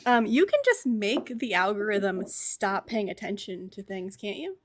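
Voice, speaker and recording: A woman's voice: medium pitch, lively intonation, unhurried, a little hiss or hum. A woman playing a tabletop role-playing game who makes suggestions in an easygoing way. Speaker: player. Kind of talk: tabletop role-play chat.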